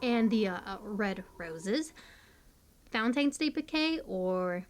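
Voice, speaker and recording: In an audio roleplay, a woman with a mid-range voice plays a hyperactive, chatty, kooky young stranger met in a cemetery, teasing the listener. She talks slowly with lively intonation, rambling and stammering through playful, slangy banter that comes across as awkward and opinionated.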